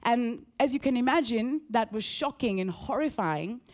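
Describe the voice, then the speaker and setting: A woman from Sri Lanka preaching a sermon, earnest and animated, repeating key phrases and telling a story. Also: a little high, moderate pace.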